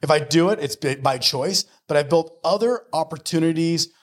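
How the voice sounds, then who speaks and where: At a moderate pace and in a slightly high voice, an early-40s man who works as a mortgage lender and runs a business speaks as a podcast guest. His talk is conversational, earnest and motivational, peppered with "right?" check-ins.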